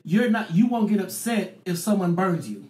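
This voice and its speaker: A man's voice: high-pitched, big pitch swings, moderate pace, darkish tone. A man from Los Angeles putting probing questions in a casual panel discussion. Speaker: podcast panelist. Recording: echoey, roomy sound.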